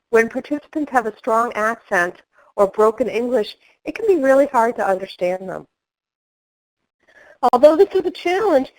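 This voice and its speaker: A middle-aged woman giving a training webinar, speaking in a clear, measured instructional way. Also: fairly high pitch, poor audio.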